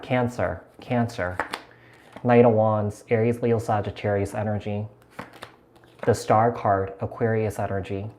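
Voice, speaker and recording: A man's voice: on the low side, steady tone, measured pace, noisy background. A man from the United States giving a live tarot reading, talking in a chatty, meandering way with lots of fillers and repeated words. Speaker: tarot reader.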